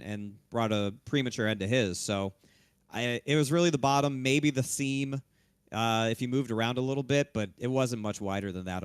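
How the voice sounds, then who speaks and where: A man talking through his sim race win in a loose, rambling way, his voice a little worn from celebrating. The tone stays smooth and resonant, and the recording is dry and close. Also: mid-range voice, dry recording. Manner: relaxed, loose, frequent restarts and fillers. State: losing his voice. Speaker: race-winning sim racing driver. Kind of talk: post-race interview.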